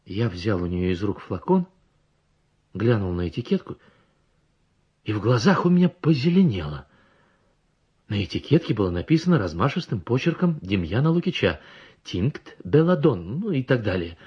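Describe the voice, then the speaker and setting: Male audiobook narrator, expressive and measured, husky tone, lo-fi recording. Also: fairly low pitch. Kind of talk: audiobook reading. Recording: dull lo-fi recording.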